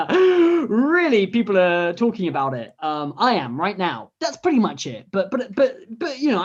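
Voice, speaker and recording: A man hosting a comedy news stream, presenting in a hesitant, halting way. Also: high voice, dull audio.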